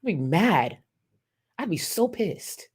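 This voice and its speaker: In casual livestream commentary, a woman reacts to a video and reads out super chats, her remarks sassy, profane, and mocking, with frequent laughter. Her medium-pitched voice is husky and darkish, slow, with big pitch swings.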